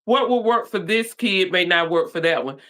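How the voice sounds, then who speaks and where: A woman's voice: fairly low pitch, lively intonation, normal speed, a bit bright. A middle-aged woman in a casual chat, speaking earnestly and affirmingly. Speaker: co-host.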